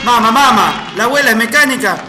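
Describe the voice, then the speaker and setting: A man's voice: very high-pitched, fairly quick, echoey room. A man playing a male Sicilian-style comic who slips in Italian words. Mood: jokey. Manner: rambling punchlines with Italian words. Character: Sicilian-flavored male joke-teller. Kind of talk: comedy sketch.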